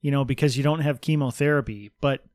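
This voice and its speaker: A man's voice: mid-range voice, fast talker, a little mellow, no echo, clean studio sound. A man co-hosting a podcast in casual, joking talk, explaining things with mock-serious sarcasm. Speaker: podcast co-host.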